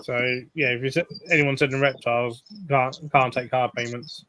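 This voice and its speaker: Bright-voiced man chatting casually. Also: mid-range voice, normal speed, dry recording, low-quality recording. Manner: relaxed, explanatory, with fillers and restarts. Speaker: live stream host. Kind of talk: casual chat.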